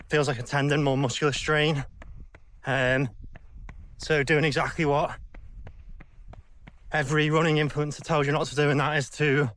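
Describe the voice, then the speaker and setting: A man's voice: on the high side, fairly bright tone. A man chatting casually to camera while running, speaking in short phrases with audible breath. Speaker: running vlogger. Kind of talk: casual vlog chat to camera. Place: outdoors on the move. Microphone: handheld camera while running.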